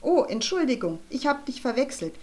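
In a storybook reading, a woman plays a cheeky, sharp-tongued little schoolgirl who teases in a cheerful, mocking way. Her voice is high, sing-song, and brisk, with a teasing mood.

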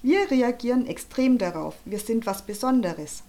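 A woman's voice: on the high side, animated, moderate pace, warm tone. A woman voicing a cheeky, bold young girl. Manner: bold, bubbly, boastful. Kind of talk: audiobook character voice.

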